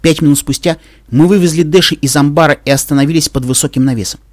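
A man narrating a story in the first person, in a steady, even storytelling manner. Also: on the high side, fast, dry recording, clean studio sound.

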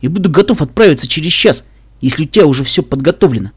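A man's voice: fairly high pitch, expressive, quick pace, slightly rough, dry recording, clean studio sound. A man voicing a brave, cheerful male pegasus caravan guard in an audiobook, speaking boldly and reassuringly. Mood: hearty.

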